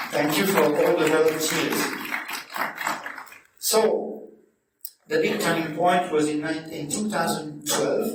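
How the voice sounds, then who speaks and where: A man from Belgium with a French accent, a nutrition coach giving a friendly, halting talk to a club audience. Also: a little high, noisy background. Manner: friendly, hesitant, with many fillers. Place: hotel function room. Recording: echoey room, distant mic.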